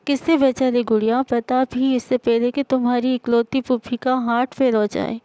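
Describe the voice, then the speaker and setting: A woman's voice: on the high side, flat delivery, mellow, clean tone, dry recording, lightly acted. Woman reading a fretful, doting aunt. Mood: worried. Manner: anxious, fussing. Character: worried doting middle-aged aunt.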